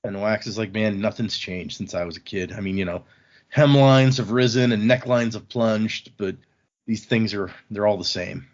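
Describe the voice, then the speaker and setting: A podcast host with a fairly low voice goes over a novel's story at a moderate pace, chatting casually, loosely acting out characters' dialogue and dropping some swear words. The recording has its highs cut off.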